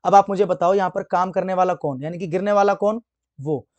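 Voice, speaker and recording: Posing questions to his online class and then answering them himself, a man works through an English grammar lesson, slowing down for the English example sentences. His voice is high, and the recording sounds muffled but free of echo.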